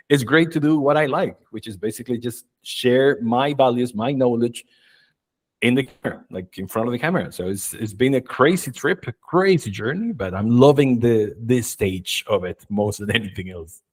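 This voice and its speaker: Male guest, 40s, from Chile; mid-pitched, upbeat, loose conversational delivery. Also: moderate pace. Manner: enthusiastic, storytelling, frequent fillers. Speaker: guest, marketing and video expert. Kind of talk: casual interview chat.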